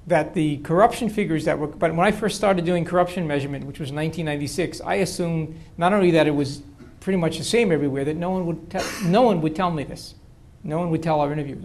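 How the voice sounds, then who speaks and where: A man's voice: fairly high pitch, creaky, a little mellow. An older man, a political science professor, answering audience questions at length in a lecture hall, with frequent restarts. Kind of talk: university lecture Q&A.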